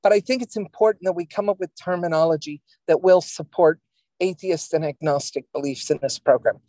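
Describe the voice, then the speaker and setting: Woman, meeting participant, earnest, deliberate, dry sound. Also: lowish voice, mellow, no echo. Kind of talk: sharing in an online meeting. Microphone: video call.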